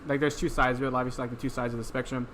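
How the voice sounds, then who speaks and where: Young man, extremely fast talker, mid-range voice, excitable casual banter. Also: medium pitch, a loud crowd. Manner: rapid, excitable, casual swearing. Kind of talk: casual podcast chat.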